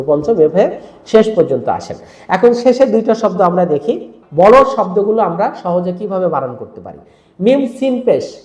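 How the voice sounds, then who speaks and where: A man's voice: sits high, darkish tone, echoey room. A man teaching Quran reading, drilling pronunciation and quizzing with repeated questions for other teachers to use with children.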